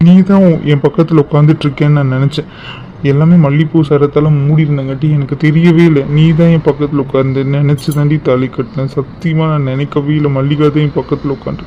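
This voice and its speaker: A bewildered young bridegroom explains himself apologetically in a flat, fairly high voice, as a man acts him out. He sounds like a character from a cartoon drama, and the recording is dull and lo-fi. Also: fast talker, a little hiss or hum, lightly acted. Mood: confused. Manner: confused, apologetic.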